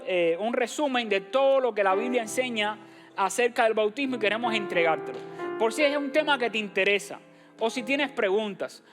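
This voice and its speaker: A pastor from Cuba speaks, giving church announcements in a direct, encouraging way. He addresses the listeners as brothers and sisters. Soft instrumental music plays faintly behind him in the sanctuary. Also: extremely high pitch.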